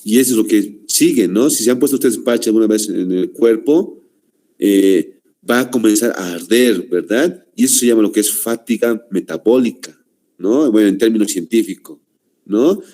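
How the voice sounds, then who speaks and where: A man with a Bolivian Spanish accent lecturing a class, halting with fillers and constant "¿no?" tags. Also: fairly low pitch, mellow. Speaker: teacher.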